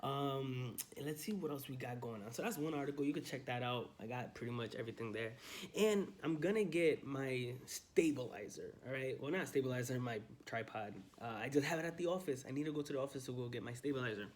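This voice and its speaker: A man's voice: medium pitch, a little fast. A young man, a realtor, talking casually and upbeat in a morning vlog from his study at home, filming handheld. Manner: chatty, loose and upbeat, lots of fillers. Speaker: realtor vlogger. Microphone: handheld phone camera.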